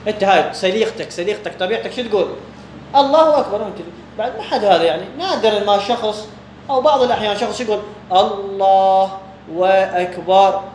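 A high-pitched, slightly mellow male voice with an Iraqi Arabic accent walks students through a jurisprudence text. He raises questions and answers them on his own. The recording is echoey, with faint hum behind it.

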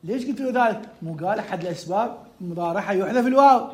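A man's voice: sits high, expressive, racing, a little mellow. A man with an Iraqi Arabic accent, a seminary teacher giving a grammar lecture, repeating rules and asking rhetorical questions.

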